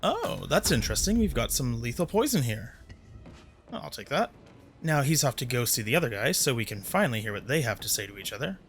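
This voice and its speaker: A man's voice: mid-range voice, sing-song, a little fast. A man giving casual, sarcastic commentary while playing a video game. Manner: sarcastic, chatty. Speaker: gameplay commentator. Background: faint game music.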